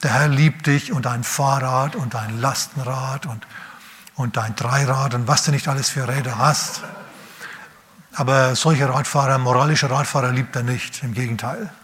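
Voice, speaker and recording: A male pastor preaching a sermon, speaking emphatically and throwing rhetorical questions at the listener, swinging between urgent raised phrases and quiet low asides. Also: fairly even intonation, moderate pace.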